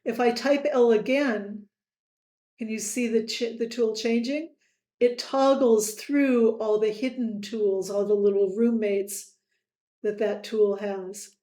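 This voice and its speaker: A woman tutoring software in a screen-recorded lesson, friendly, with quiz-style asides to the viewer. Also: on the high side, steady tone, slow pace, reverberant.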